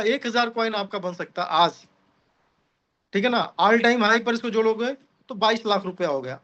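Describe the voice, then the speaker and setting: A man with a very high, bright and forceful voice, heard over a dull, lo-fi video call line. He talks persuasively, keeps asking his listeners to agree and calls them friends as he pitches to the meeting. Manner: persuasive, repeats "ठीक है ना", addresses listeners as साथियों. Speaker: speaker at an online meeting. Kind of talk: motivational crypto pitch.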